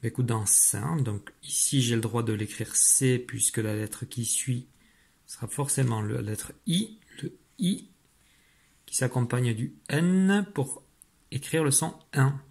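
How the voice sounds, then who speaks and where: Taking it slowly, a man speaks with a medium-pitched, darkish, slightly rough voice and some vocal fry. He is a primary teacher patiently leading a spelling dictation, talking to the pupil and working through it step by step.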